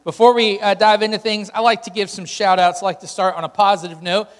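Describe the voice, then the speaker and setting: A man's voice: high-pitched, steady tone, quick pace. A man speaking as a pastor, giving informal welcomes and announcements and addressing his congregation directly in a conversational way. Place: large church room with PA. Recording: hall reverb, music behind.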